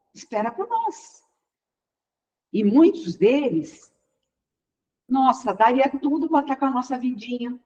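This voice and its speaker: A woman's voice: on the high side, warm tone. A woman with a Brazilian Portuguese accent giving an informal spiritual lecture at a spiritist center, chatting with the audience and acting out everyday dialogue. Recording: slightly dull lo-fi recording.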